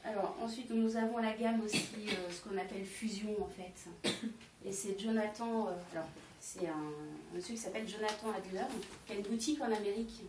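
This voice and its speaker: A woman's voice: mid-range voice, a little fast. A woman selling candles to guests at a home party, explaining each product step by step with frequent hesitations. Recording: echoey room, distant mic, faint noise.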